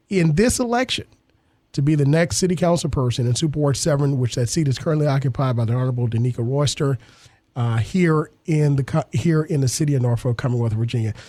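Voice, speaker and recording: A man's voice: a little high, mellow, no echo. A man, hosting a radio talk show with earnest civic commentary. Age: 30s. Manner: earnest, civic-minded, repeats words while thinking.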